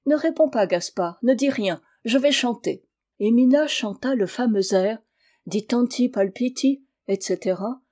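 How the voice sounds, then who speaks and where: A woman's voice: measured pace, warm tone. A woman reading a classic novel aloud as an audiobook, voicing the characters' dialogue in turn. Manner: acts out dialogue, raising her voice for the young wife and lowering it for the husband. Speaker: audiobook reader. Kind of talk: scripted narration of a classic novel.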